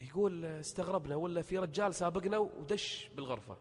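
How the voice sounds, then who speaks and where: A male preacher, telling stories in a sermon and rising to forceful exhortation. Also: on the high side, fast. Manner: tells stories, acting out the people in them. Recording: reverberant hall.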